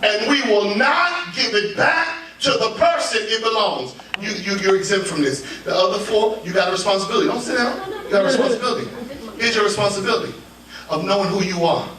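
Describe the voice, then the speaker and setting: A man preaching an interactive sermon with call-and-response, playful and teasing, with bursts of shouting. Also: high-pitched, brisk, crowd noise. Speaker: preacher leading a ministry workshop. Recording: echoey church hall, mic far off, congregation audible.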